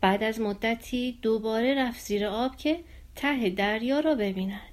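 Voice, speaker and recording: A woman reads a children's story aloud as a storyteller. Her narration is calm and steady, in a fairly high voice.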